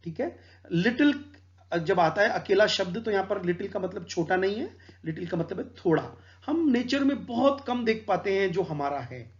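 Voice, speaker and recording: High-voiced man teaching poetry. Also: animated, normal speed, dull audio. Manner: explains patiently, mixing Hindi with English terms. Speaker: English literature teacher. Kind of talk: exam-prep poetry lecture.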